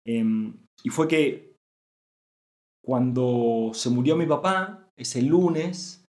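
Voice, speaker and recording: An earnest Argentine man in his thirties hosts a reflective spiritual talk. He searches for words, with fillers and asides along the way. His voice sits at a middle pitch, and the room around him is echoey. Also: very slow, darkish tone. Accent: Argentine Spanish. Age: 30s. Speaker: spiritual podcast host.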